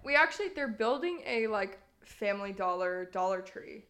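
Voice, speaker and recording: A woman's voice: medium pitch, animated, normal speed, a bit bright. A young woman from Missouri co-hosting a podcast, chatting in an upbeat way and telling little stories. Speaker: podcast co-host. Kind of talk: casual chat.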